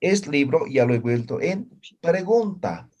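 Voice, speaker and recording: A man's voice: on the high side, expressive, a little slow, a little mellow, dull audio. A man teaching a language class, patiently explaining and often checking in with his students. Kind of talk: classroom lesson.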